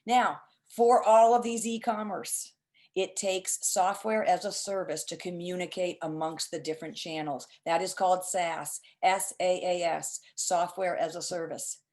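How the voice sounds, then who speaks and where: A woman's voice: fairly low pitch, fairly even intonation, unhurried, darkish tone. A middle-aged woman hosting an informal webinar, explaining things in an emphatic, chatty and effusive way. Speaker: host, presenter.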